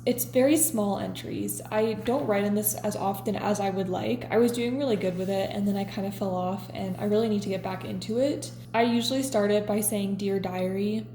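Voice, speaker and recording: In a laid-back vlog chat, a twenties-aged woman talks confessionally while reading her diary entries out loud. She has a medium-pitched, mellow, soft-edged voice. The room echoes noticeably, with a touch of faint hiss.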